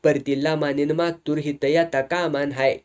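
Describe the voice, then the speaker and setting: A man's voice: flat delivery, normal speed, a little mellow, clean tone, close to an everyday voice. Storybook grandmother, old woman, scolding, quavering, voiced by a male storyteller. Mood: indignant. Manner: shrill, quavering and indignant.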